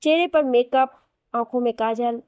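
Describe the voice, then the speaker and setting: A woman narrating a romantic audio novel in a steady, descriptive storytelling manner. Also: on the high side, unhurried, smooth, dry recording.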